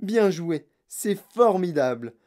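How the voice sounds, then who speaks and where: A storybook reader voicing an eccentric, excitable grown man who makes chocolate and talks in delighted exclamations. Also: medium pitch, normal speed, pitched above the performer's own voice, close to an everyday voice. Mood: jubilant.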